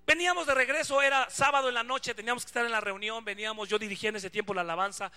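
Mexican male preacher, high bright voice, animated storyteller who acts out every exchange. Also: rapid-fire, smooth. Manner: lively, acts out quoted dialogue. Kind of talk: storytelling sermon.

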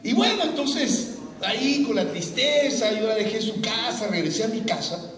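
A man preaching a personal testimony to an audience, an animated storyteller who often laughs. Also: very high-pitched, normal speed. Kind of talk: sermon testimony. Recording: echoey hall, far from mic, audience.

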